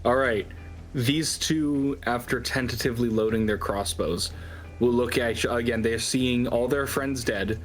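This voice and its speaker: A man narrating a tabletop game as dungeon master in a relaxed, chatty way. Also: medium pitch, unhurried, faint music behind, poor audio.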